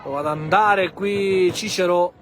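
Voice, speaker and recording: Excitable high-pitched man commentating football. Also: unhurried. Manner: excitable, bursts into shouts on chances. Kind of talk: live play-by-play goal commentary. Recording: crowd and music behind commentary.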